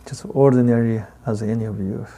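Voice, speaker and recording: A man with a heavy Tibetan accent, a native Tibetan speaker, giving a Buddhist dharma talk as a teacher in halting, deliberate phrases with long pauses. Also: mid-range voice, fairly even intonation, mellow.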